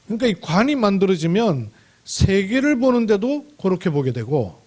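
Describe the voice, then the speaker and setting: A man's voice: high voice, darkish tone. A man preaching a Sunday sermon as pastor, emphatic and repetitive, stretching out key words. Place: church sanctuary.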